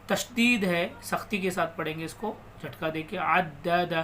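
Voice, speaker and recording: Man, high bright voice, recitation teacher, slow drawn-out recitation, quick explanations, faint background noise. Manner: repeats words, spelling out letters and vowel marks. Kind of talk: step-by-step recitation lesson.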